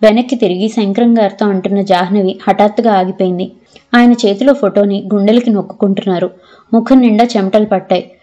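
A woman narrating an audio novel in a steady storytelling manner. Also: mid-range voice, brisk. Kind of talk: scripted narration. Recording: slightly dull audio.

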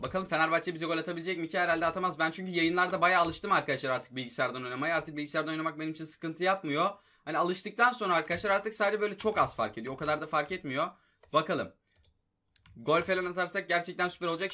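Excitable young man commenting on gameplay. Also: a little high. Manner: excitable, frustrated outbursts at the game. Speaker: gaming YouTuber.

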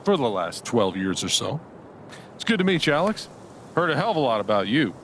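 A talkative, folksy bar owner in his middle years, gruffly friendly with casual swearing. His pitch swings lively up and down as he talks, from a video game. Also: fairly quick, slight background noise. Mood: friendly, joking. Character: chatty, folksy male small-town bar owner.

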